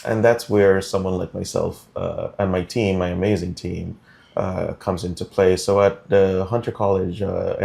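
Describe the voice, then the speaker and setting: A middle-aged man from Guyana, speaking as an interview guest in a measured, deliberate way with frequent ums. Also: deep voice, creaky, darkish tone. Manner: measured, deliberate, many um fillers. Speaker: interview guest, food policy director. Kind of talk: studio interview.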